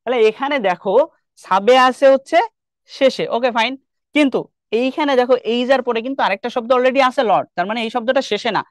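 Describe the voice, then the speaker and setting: A man's voice: extremely high pitch, quick pace, dry recording, studio quality. A young man with a Bangladeshi Bengali accent teaching an online English class, explaining step by step and quizzing his students often. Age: young adult.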